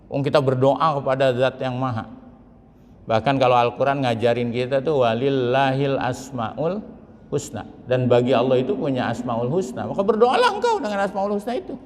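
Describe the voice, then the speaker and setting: A middle-aged man preaching a lively mosque sermon, joking with the congregation. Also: medium pitch, brisk. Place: large mosque hall. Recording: reverberant mosque hall.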